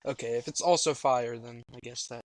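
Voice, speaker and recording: A man's voice: mid-range voice, fairly even intonation, fairly quick, dry recording, low-quality recording. A man chatting casually about a fanfiction reading, asking questions and trailing off. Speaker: co-reader commenting. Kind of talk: casual chat.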